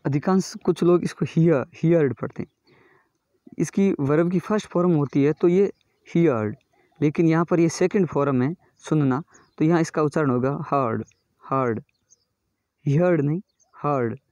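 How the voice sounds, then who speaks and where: A man teaching English pronunciation in a slow classroom style, reading word lists aloud and repeating each word. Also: fairly high pitch, warm tone, no echo. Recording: dull, lo-fi and dry.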